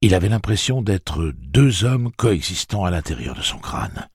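Narrator: man with a low, husky voice, lively dramatic delivery. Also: a little slow, dry recording, clean studio sound. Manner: expressive dramatic reading. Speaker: audiobook narrator. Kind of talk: scripted narration.

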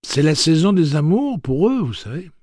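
A man's voice: on the high side, sing-song, moderate pace, a little mellow, no echo, studio quality, voice pushed up. A man voicing a prissy, condescending male robot with a suave, slightly effeminate manner, read as an audiobook character voice. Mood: smug.

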